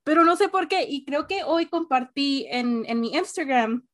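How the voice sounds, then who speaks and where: A woman hosting a podcast in casual conversation, chatty and quick to laugh, dropping English words into her speech. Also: high voice, lively intonation. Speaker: podcast host.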